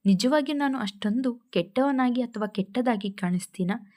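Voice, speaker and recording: Woman reading guarded young man, calm probing questions, mellow tone. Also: a little high, normal speed, lightly acted.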